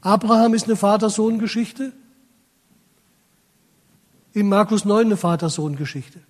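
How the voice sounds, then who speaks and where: A high-voiced man preaches a sermon at a measured pace, addressing his congregation directly and reading scripture aloud with dramatic weight. A long reverb tail trails his words.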